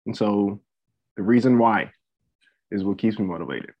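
Speaking at a normal speed in a lowish voice, this podcast guest is a student athlete and entrepreneur in his twenties from the Bahamas. The interview talk is casual, with him pausing hesitantly and repeating phrases as he works out his thoughts, all on dull lo-fi audio.

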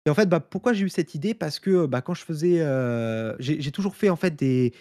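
A man who is a guest on a podcast, explaining his work casually, steady but with frequent fillers. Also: on the high side, fairly quick, dry recording, studio quality.

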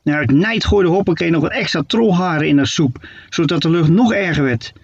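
A man narrating a children's story with playful, expressive delivery. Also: on the high side, fairly quick, breathy edge, no room sound, muffled recording.

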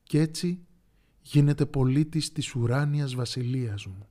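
A man voicing a calm teacher on trial who speaks in a measured way in a Bible storybook. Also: medium pitch, natural voice.

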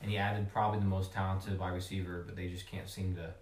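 A man's voice: deep voice, level tone, fast talker, darkish tone, recorded from a distance, a little hiss or hum. A man on a casual podcast panel, rambling with lots of filler words. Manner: rambling, lots of "like" and "you know". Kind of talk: casual chat about fantasy football. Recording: roomy echo, a bit off mic.

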